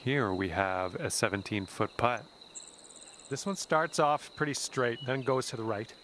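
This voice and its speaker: A man's voice: medium pitch, unhurried, fairly bright tone, slight background noise, close to an everyday voice. A man playing an upbeat, easygoing golf commentator in a video game, calling shots conversationally with exclamations. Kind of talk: sports commentary.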